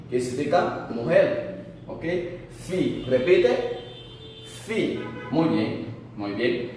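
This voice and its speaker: A man's voice: medium pitch, very echoey, in a large hall, recorded from a distance, slight background noise, poor audio. A man teaching a language lesson, patiently saying words and asking the learner to repeat after him.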